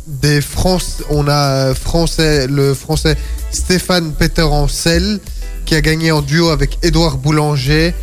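A man co-hosting a radio show, reading race results hesitantly with many fillers. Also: fairly high pitch. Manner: hesitant, many fillers, stumbling over names. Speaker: radio co-host.

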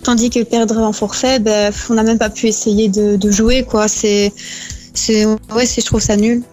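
A woman's voice: medium pitch, flat delivery, a little slow, a little mellow, soft background music. A woman answering questions as a guest on a sports radio show, plain and a bit hesitant. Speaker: guest athlete.

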